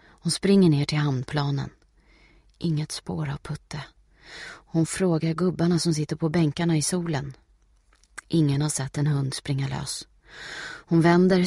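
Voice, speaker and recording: A man reading a novel aloud as an audiobook narrator, in a steady, measured way. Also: a little high, breathy edge, dry recording, studio quality.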